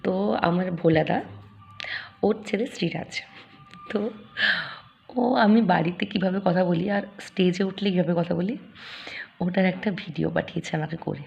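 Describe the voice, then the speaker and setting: A young woman in her early twenties with a Bengali accent, chatting quickly and casually in her daily vlog. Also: on the low side, fairly even intonation, creaky, dull audio. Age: early 20s. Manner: chatty, talks fast by habit. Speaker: vlogger.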